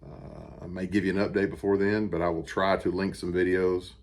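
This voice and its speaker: An American man with a deep voice talks casually to the camera in a personal update. His delivery is plain-spoken and unhurried, a little halting, with pauses as he gathers the next thought. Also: level tone, darkish tone. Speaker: vlogger recovering from surgery. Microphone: camera on a stand with ring light.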